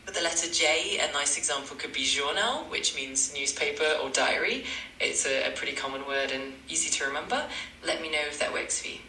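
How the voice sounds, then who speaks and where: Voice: medium pitch, fairly quick, sharp tone, echoey room, distant mic, a little hiss or hum, rough recording. A synthetic AI language tutor voice, polite and eager to please, repeating stock phrases. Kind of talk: chatbot tutoring replies.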